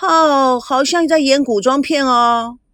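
A woman's voice: sits high, slow, fairly bright tone, no echo, clean studio sound, voice pushed up. Woman voicing a perky, teasing young girl. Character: chatty, cheeky teenage girl.

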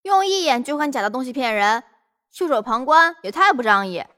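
A woman voicing a confident, clever young boy adventurer in a storybook, speaking calmly and self-assuredly. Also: high voice, a little fast. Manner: calm, self-assured, righteous. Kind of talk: storybook role reading.

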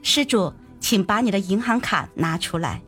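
A woman putting on the polite, coaxing sales pitch of a male temple monk while retelling a story. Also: expressive, normal speed, fairly bright tone, faint music behind, natural voice. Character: smooth-talking male temple monk selling lamps.

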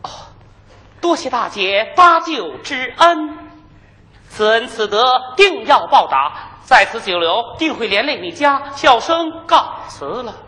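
A woman's voice: fairly high pitch, big pitch swings, unhurried, sharp tone, heavily acted. An actress playing a polite young male scholar in hiding in a folk opera, speaking in formal, stylized diction. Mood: courteous. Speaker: errenzhuan actress. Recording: hall reverb.

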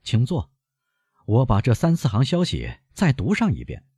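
A man's voice: medium pitch, wildly swooping pitch, moderate pace, mellow, husky, no room sound, studio quality, voice pushed up, full character voice. A man reading an audiobook, voicing a genial, talkative male newspaper journalist. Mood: measured. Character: affable male newspaper journalist, amiable then proud. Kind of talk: audiobook character voice.

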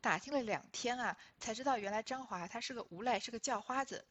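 A woman giving relaxed, conversational commentary on a classic novel, often checking in with listeners. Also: fairly high pitch, quick pace. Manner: conversational, asks listeners "right?". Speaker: literature explainer.

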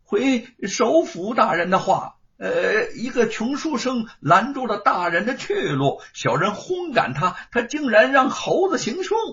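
A man voicing a bullying constable chief who barks and shouts with scorn. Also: high-pitched, very animated, a little slow, few pauses, pitched above the performer's own voice, full character voice. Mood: fawning. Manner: loud, shouting, scornful barking. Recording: dull lo-fi recording.

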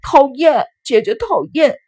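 A woman voicing an excitable, whiny young boy who is the little brother, speaking high and pleading. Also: moderate pace, natural voice. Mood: whiny, excited.

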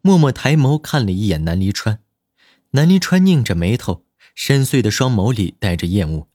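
A man with a lowish voice reads a romance drama aloud with expressive, lively storytelling. His pitch rises and falls widely. The sound is dry and close, with no room around it. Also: moderate pace, dry recording. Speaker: audiobook narrator. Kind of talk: scripted dramatic narration.

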